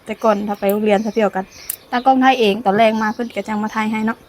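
A woman's voice: fairly high pitch, fairly even intonation, rapid-fire, a little hiss or hum. A woman from Laos with a Lao accent chats casually through a cooking vlog outdoors in the sun, laughing often, filmed on a camera by her niece. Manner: chatty, laughs often while talking. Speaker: cooking vlogger. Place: outdoors in sunshine.

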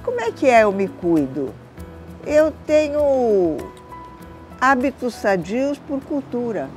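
Lively older woman talking in a garden. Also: on the high side, takes it slowly, soft background music. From born in Africa, of Italian culture, living in Brazil. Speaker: guest, writer. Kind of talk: reflective interview answers. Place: outdoor garden patio.

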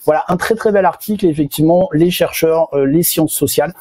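A man's voice: on the high side, fast talker, a little mellow, a little hiss or hum. A man commenting on a casual talk-radio show, speaking emphatically and repeating words for stress.

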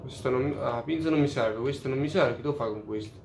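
During a casual let's play, a male gamer with a middle-pitched, gravelly voice talks fast, curses often, and openly admits he's lost and baffled. The recording has a noticeable roomy echo and slight background noise.

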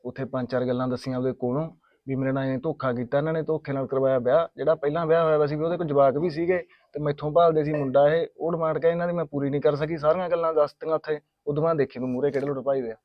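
An actor playing a hot-headed young village man with a Punjabi accent, ranting in a rapid, indignant rush. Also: a little high, fairly even intonation, no echo, highs cut off, natural voice. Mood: scheming. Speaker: young heir of a farming family. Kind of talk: village drama acting.

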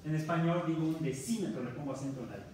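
Male Mexican math teacher, a bit high-pitched, lecturing and quizzing the class; booming classroom echo, distant mic. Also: rapid-fire, darkish tone, faint music behind. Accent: Mexican Spanish. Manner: asks the class questions, restarts words. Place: university classroom. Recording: very echoey classroom recorded from far off, noisy.

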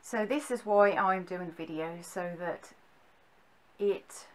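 A woman's voice: fairly low pitch, takes it slowly. A middle-aged woman with a Suffolk accent, explaining things to camera in a casual, hesitant, rambling way. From Suffolk, England. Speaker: vlogger explaining local dialect. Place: small furnished room at home, indoors.

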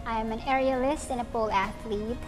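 Woman in her 30s, higher voice, relaxed, music in the back. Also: fairly quick. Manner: easygoing, laughing. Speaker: aerialist and pole athlete.

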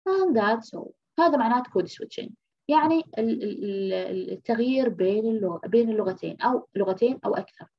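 An Egyptian woman delivers a university lecture in a fairly high, breathy voice, speaking quickly and with animation. She explains things patiently, repeats the key terms and checks in with "okay?" The lecture recording is muffled and lo-fi.

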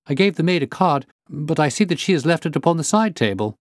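Man acting agitated young engineer, pitched up. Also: expressive, fast, no room sound, clean studio sound, lightly acted. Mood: polite, agitated. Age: 20s. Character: agitated young engineer, injured, hearty and earnest. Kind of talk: audiobook character voice.

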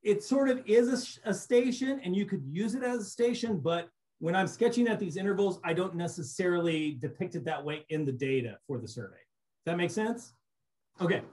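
A middle-aged man giving a relaxed recorded slideshow lecture on cave surveying over a webcam, explaining casually with frequent restarts. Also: high voice, fairly quick. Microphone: webcam on a video call.

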